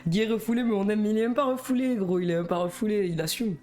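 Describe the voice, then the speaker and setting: A man's voice: high-pitched, fast, darkish tone. Young belgian guy streaming alone, jittery, stammers and laughs, music playing under him. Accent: Belgian French. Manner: nervous, self-mocking, rambling with stammers and laughs. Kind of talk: casual live-stream chat.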